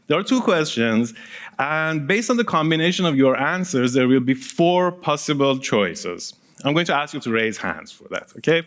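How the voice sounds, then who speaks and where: At a conference, a man whose first language is Persian talks in a relaxed, engaging style, polling listeners and counting the raised hands. Small laughs and asides pepper his talk. His voice is fairly high in pitch and a bit bright.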